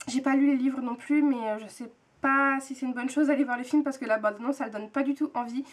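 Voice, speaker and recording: Young french woman vlogging, high voice, lots of euh and little restarts. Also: fairly even intonation, quick pace. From France. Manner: chatty, hesitant, many fillers and repeats. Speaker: book and TV vlogger. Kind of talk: casual chat to camera.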